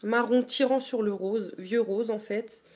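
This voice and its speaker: A woman's voice: a little high, unhurried, background noise. Chatty young woman vlogging from her bedroom. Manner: chatty, hesitant, many fillers. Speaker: beauty vlogger. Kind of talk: casual show-and-tell. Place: dim bedroom.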